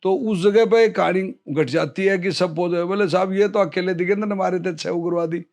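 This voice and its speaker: A middle-aged man from India tells an old army story, high in pitch. He is an interview guest and an animated storyteller, slipping into the voices of the people he quotes. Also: normal speed. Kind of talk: storytelling in casual conversation.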